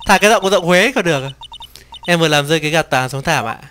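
A man streaming a game in casual chat, reading the dialogue aloud in playful voices, excitable and quick to swear and laugh between lines. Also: fairly high pitch, a little hiss or hum. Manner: reads each character's lines in playful voices and comments between them. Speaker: gameplay streamer. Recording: game music behind the voice.

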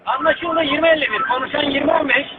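A man's voice: very high-pitched, fast talker. A man working as a police radio dispatcher, speaking over a walkie-talkie in clipped, repetitive, urgent procedure. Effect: walkie-talkie radio transmission. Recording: tinny, narrow, noisy two-way radio line.

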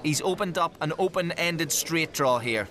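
A man giving live poker commentary, lively, jokey and emphatic. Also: on the high side, normal speed. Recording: crowd noise in the venue. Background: crowd noise.

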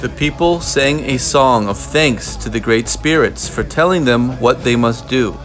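Over background music, a man with a mid-range voice reads a children's picture book aloud. His reading is expressive, with deliberate, dramatic phrasing.

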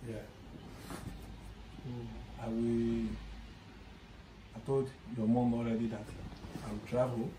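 A man's voice: medium pitch, level tone, takes it slowly, long pauses, dark tone, lightly acted. A man acting a secretive father about to travel, giving the children earnest, repeated instructions in an amateur family skit. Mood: urging. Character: secretive father leaving on a trip. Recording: echoey room with clear background noise.

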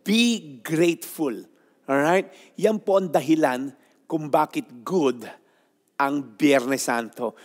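A Filipino-accented pastor in his fifties giving an animated, emphatic devotional talk, seated on a sofa with a clip-on mic. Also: fairly high pitch, long reverb tail. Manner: animated, code-switching, emphatic. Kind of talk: devotional teaching. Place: studio set styled as a living room, on a sofa.

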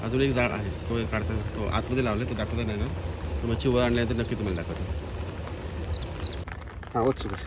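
A man's voice: mid-range voice, steady tone, quick pace, pauses often. A man with a Marathi accent chatting to his viewers in a casual vlog by a creek. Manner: chatty, addresses viewers as friends. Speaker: vlogger. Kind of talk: casual outdoor vlog commentary. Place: outdoors by a tidal creek. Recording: outdoor recording with clear background noise.

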